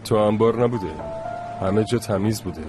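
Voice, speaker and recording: An actor playing a protective young man who calmly reassures his family, in a dubbed TV drama. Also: lowish voice, music in the background, natural voice. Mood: reassuring. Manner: firm and soothing. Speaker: dubbing actor. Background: drama score.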